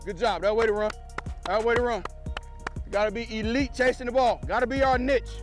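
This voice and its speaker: A football coach at outdoor practice, wearing a body mic, joking with players and shouting energetic drill commands. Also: male voice, very high-pitched, brisk, over music. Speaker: defensive line coach. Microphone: wireless body mic.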